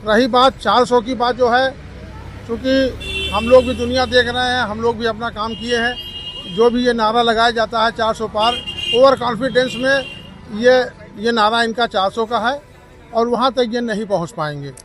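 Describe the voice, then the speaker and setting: A man, a local resident, explaining his view at length in a measured way outdoors. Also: extremely high pitch, fairly even intonation, a bit bright, faint music behind.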